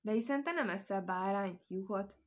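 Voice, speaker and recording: A woman's voice: medium pitch, lightly acted. A woman voicing a greedy, gullible male wolf in a storybook tale, speaking in an eager, persuasive way.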